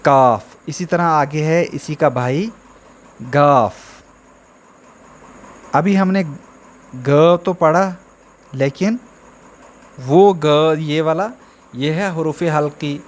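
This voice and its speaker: A man teaching the alphabet to beginners, sounding out each letter slowly and repeating example words with frequent check-ins. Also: a little high. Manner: drawn-out, repetitive letter drills with frequent "theek hai". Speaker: Urdu teacher. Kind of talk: slow beginner alphabet lesson.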